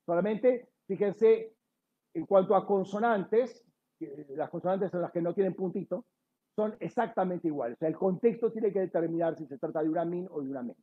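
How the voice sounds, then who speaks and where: A Bible teacher with a high, slightly rough voice goes through a sermon word by word, often correcting himself, apologizing, and checking in with his listeners. The audio sounds tinny, like a phone.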